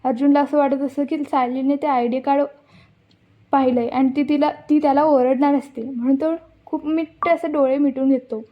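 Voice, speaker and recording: A woman retells a TV serial episode in a casual, unscripted way, often stopping to restart her sentences. Her voice sits high. The recording is muffled and lo-fi. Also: fairly even intonation, moderate pace. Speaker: narrator recapping a TV serial. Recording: dull lo-fi recording.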